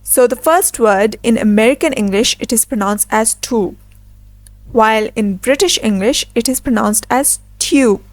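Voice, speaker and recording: Woman giving a slow pronunciation lesson. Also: on the high side, no room sound. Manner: slow, deliberate model pronunciations. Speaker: English teacher.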